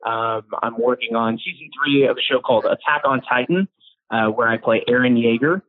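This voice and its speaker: A man's voice: mid-range voice, normal speed. Upbeat American man on a tinny phone line. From United States. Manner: upbeat, friendly, eager. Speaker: voice actor guest. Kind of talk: phone interview.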